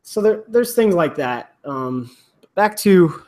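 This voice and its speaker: A man's voice: high-pitched, expressive, slow, a little mellow. A man hosting a casual chat, rambling with restarts and the odd swear. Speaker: rugby podcast host.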